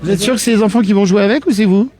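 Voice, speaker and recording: A male host with a high voice interviews passers-by live at an outdoor market. He talks in a chatty, joking way and keeps restarting his sentences. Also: rapid-fire, warm tone. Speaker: host of a local web TV channel.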